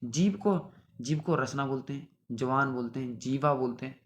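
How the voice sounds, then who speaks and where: A man's voice: mid-range voice, moderate pace. A young man teaching exam-prep vocabulary, repeating word lists and checking in with his students after each one. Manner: repetitive, drilling word lists with "theek hai bhai". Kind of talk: synonym revision lesson.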